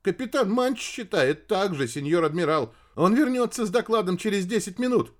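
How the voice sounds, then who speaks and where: A man's voice: high-pitched, lively intonation, moderate pace, voice pushed up. A man voicing a nervous young male radio operator in an audiobook, talking in a shaky, frightened way. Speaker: audiobook character.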